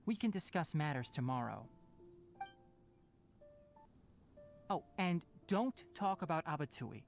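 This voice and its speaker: A young forest ranger from a video game, slightly high-voiced and lively in intonation. He speaks precisely, like a stern scholar, principled and quick to scold, with faint music behind him. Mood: brisk, dismissive. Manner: precise, matter-of-fact, scholarly, mildly scolding.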